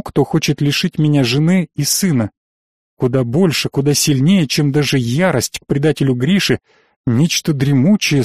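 A man with a fairly high voice narrates a first-person fantasy audiobook. His delivery is measured and tense. The recording is close and dry, with no room sound. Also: a little mellow, dry recording.

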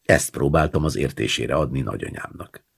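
A man reading a literary short story aloud in a measured, hushed way, at times dropping to a whisper. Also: rumbling low, animated, vocal fry, breathy edge. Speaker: audiobook reader.

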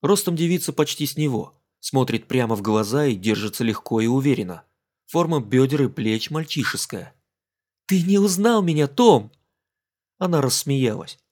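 A male audiobook narrator telling a sea adventure in a steady, even way. His voice sits in a middle register. The reading is scripted and measured. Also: mid-range voice.

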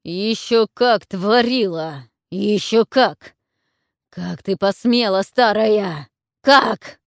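A woman voicing a stern, menacing male warlord who speaks harshly and slowly. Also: medium pitch, lively intonation, clean tone, no room sound, studio quality, close to an everyday voice. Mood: furious. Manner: harsh, growling, slow pressing speech.

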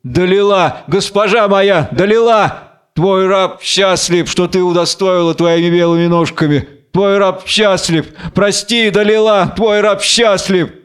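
A man's voice: a little high, unhurried, clean tone, pitched above the performer's own voice, natural voice. A man voicing a blind, chained male captive who pleads and cries out in fear. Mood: groveling.

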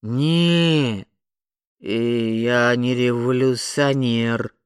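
A man voicing a slow-witted, flustered unemployed Englishman in an audiobook, stammering and hesitant. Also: mid-range voice, steady tone, clear, resonant tone, no room sound, studio quality.

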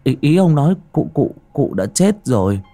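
A man voicing a jumpy young male servant who stammers and cries out in a high, strained voice. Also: big pitch swings, normal speed, mellow, faint music behind, lightly acted. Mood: bewildered. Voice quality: shrill, stammering.

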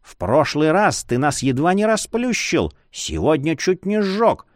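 A man's voice: on the high side, very animated, unhurried, no room sound, studio quality. A man voicing a stern female sorceress mentor who scolds and hisses. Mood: scolding. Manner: scolding, hissing.

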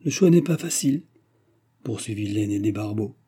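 A man reading the part of a timid, gentle brother in his fifties who frets and pleads. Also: lowish voice, animated, normal speed, husky. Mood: fretful. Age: 50s. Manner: fretful, pleading.

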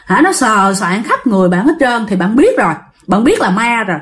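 A woman with a fairly high voice tells a ghost story at a brisk pace, her pitch swinging widely. She keeps it casual and chatty, speaking directly to her listeners.

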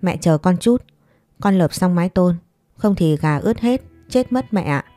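Soft-spoken young wife, humble and pleading, a woman doing her lines low and mellow. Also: expressive, normal speed, no echo, soft background music, natural voice. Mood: gentle pleading. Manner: gentle, pleading. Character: meek, patient young wife and mother.

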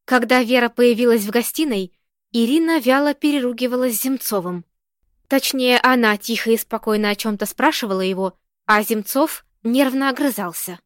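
A woman reading a novel aloud as narrator in an even, steady manner. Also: fairly high pitch, normal speed, no room sound, studio quality. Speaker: audiobook narrator. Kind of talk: scripted narration.

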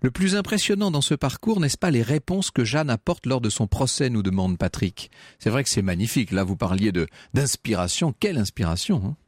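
A man hosting a radio history show, putting measured questions and asides to his guest. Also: mid-range voice, animated, dry recording, studio quality. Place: radio studio.

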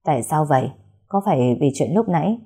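A woman voicing a kind, concerned male doctor who asks questions calmly. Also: low voice, brisk, breathy edge, full character voice. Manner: calm, gently questioning.

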